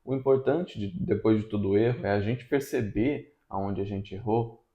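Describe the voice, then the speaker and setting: A man, a father co-hosting, calmly explaining parenting advice in a casual chat at home. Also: lowish voice, moderate pace, dull audio. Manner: calm, explanatory, tags lines with "né". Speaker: father and channel co-host. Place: room at home. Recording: echoey room.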